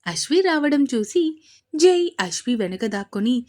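A woman narrating a romantic story serial in a brisk, lively reading. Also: on the high side.

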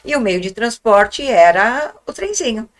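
A woman's voice: a little high, lively intonation, unhurried. A woman, telling childhood memories as a guest in a small podcast studio, speaking reflectively into a desk microphone. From Guarulhos, Brazil. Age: 70s. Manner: warm, reflective storytelling with gestures. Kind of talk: reminiscing interview talk.

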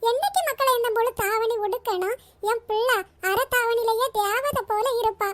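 Squeaky little cartoon granny a woman voicing her, all fond and teasing, chuckly. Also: normal speed, a little hiss or hum. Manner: fond, calls granddaughter dear, chuckling. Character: affectionate old grandmother, doting and teasing. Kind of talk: cartoon voice acting.

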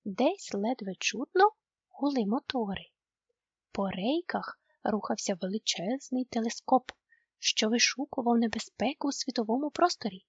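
A woman narrating a children's story in a gentle, expressive storytelling voice. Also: a little high, moderate pace, slightly rough, no echo, lo-fi sound.

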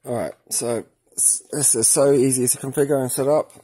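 Presenting a product tutorial, this man speaks in a warm, husky, mid-range voice with a steady tone and moderate pace. He thinks aloud casually, working with his hands step by step at an indoor table while the camera films his hands and the device.

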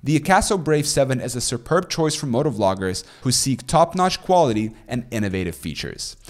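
A young man in his twenties narrating a scripted product review, reading specs and prices in a steady, promotional way, recorded in a small room on a studio boom microphone. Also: fairly quick.

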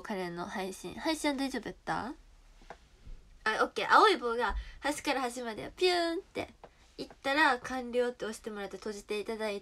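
A woman's voice: fairly high pitch, a bit bright. A young woman with a Kansai accent chatting casually with viewers on a livestream, playful and direct. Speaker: idol livestreamer.

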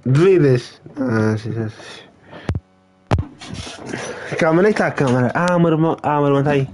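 A young man with a European Portuguese accent streams himself playing a football game, chattering casually in an excitable, repetitive, trash-talking way. His voice sits fairly high and moves at a moderate pace, with background noise in the recording.

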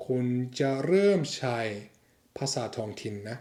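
A man's voice: mid-range voice, sing-song, unhurried, mellow. Chatty man teaching in an echoey room. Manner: chatty, corrects own slips with a laugh. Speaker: language teacher. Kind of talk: casual video lesson.

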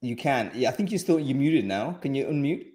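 A host speaks into an over-ear headset from his home office while running a live video-call panel. His medium-pitched, mellow voice is animated and brisk, and he's friendly and chatty, full of fillers and restarts.

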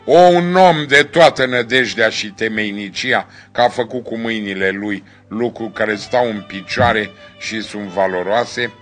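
A man's voice: lowish voice, hardly any pauses, a bit bright, soft background music. A man hosting a TV talk show, effusive and emphatic, heaping praise on his guest.

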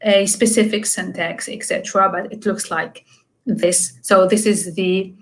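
A young woman gives a tech talk over a video call at an online meetup. Her voice sits at a middle pitch, and she explains things patiently. She keeps dropping in fillers and asking "okay?" as she goes. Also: steady tone, a little slow, rough recording. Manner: explanatory, many fillers and "okay?" check-ins. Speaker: conference speaker. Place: home room, video call.

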